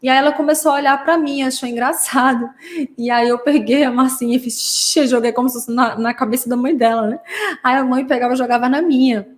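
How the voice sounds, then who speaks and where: In a casual teaching chat aimed at parents, a playful woman with a Brazilian Portuguese accent acts out sound effects and frequently adds tag questions. Her high-pitched voice moves at a quick pace with fairly even intonation.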